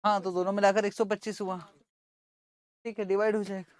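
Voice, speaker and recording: Male accounts tutor, relaxed and chatty, talks students through each calculation; close, dry recording. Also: high voice, a little fast, no room sound. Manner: casual, works through sums aloud. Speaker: accounting teacher. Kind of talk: informal classroom lesson.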